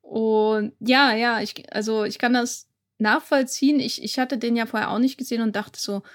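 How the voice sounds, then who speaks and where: A woman's voice: on the high side, steady tone, moderate pace. A woman co-hosting a podcast, talking casually about a film with frequent fillers and restarts. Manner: chatty, hesitant with fillers and restarts. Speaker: podcast co-host.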